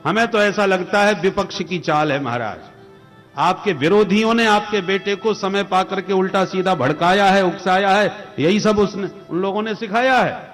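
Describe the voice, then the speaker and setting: A man's voice: high-pitched, moderate pace, a bit bright, big-room sound, faint music behind, pitched above the performer's own voice. A man voicing a frightened male schoolteacher pleading and excusing himself before a king. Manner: pleading, defensive.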